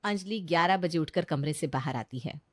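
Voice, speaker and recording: A woman giving scripted, expressive narration for a children's cartoon story. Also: low voice, normal speed, no room sound, studio quality.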